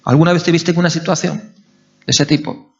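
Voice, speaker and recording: Animated male preacher. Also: on the high side, moderate pace, creaky. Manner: animated, asks the congregation questions. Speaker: pastor. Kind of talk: sermon. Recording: dull lo-fi recording.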